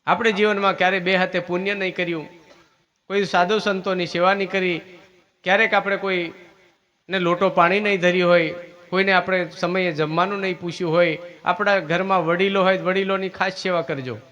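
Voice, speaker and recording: A man's voice: sits high, level tone, brisk, pushed and bright, muffled recording. A man giving a village sermon, asking his listeners questions and teaching. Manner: preachy, asks listeners questions. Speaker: religious teacher. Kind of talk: village sermon with devotional singing.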